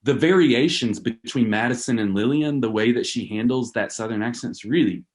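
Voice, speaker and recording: A man's voice: medium pitch, brisk. A male author in a casual conversation, talking in a rambling way full of fillers over a video call. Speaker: author and guest.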